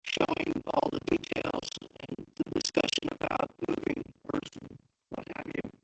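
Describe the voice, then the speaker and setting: A woman in a remote meeting whose call audio is garbled and breaking up. She asks questions and directs the slide view step by step. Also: normal speed. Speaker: meeting participant asking questions. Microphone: remote video call. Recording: garbled distant call line, raspy.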